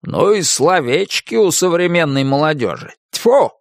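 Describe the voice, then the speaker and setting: A man's voice: mid-range voice, very animated, measured pace, a bit bright, no room sound, clean studio sound. A man doing a grumpy old house spirit. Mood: grumbling. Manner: grumpy, reproachful, old-fashioned. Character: fussy old male house spirit, bearded. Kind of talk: audiobook character voice.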